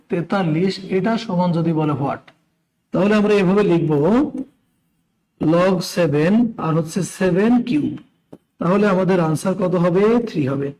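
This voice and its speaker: A man's voice: sits high, darkish tone, poor audio. A tired man with a Bangladeshi Bengali accent and a strained voice teaches a live online math class, repeating steps and quizzing his students. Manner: repeats steps, quizzes listeners, greets chat by name. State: tired, talking slowly.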